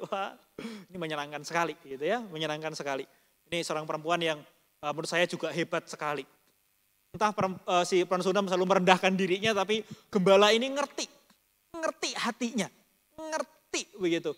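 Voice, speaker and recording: A man's voice: high-pitched, fairly bright tone, in a large hall. A man preaching a Bible study in casual Indonesian. He rambles with many fillers and speaks straight to the congregation. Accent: Indonesian, Surabaya region. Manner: addresses the congregation directly. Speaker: pastor.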